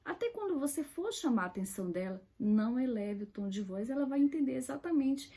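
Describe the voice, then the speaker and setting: A woman's voice: high-pitched, animated, fairly quick, mellow. A woman giving an earnest teaching talk, stressing key words and dropping to a whisper now and then. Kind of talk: direct-to-camera teaching talk.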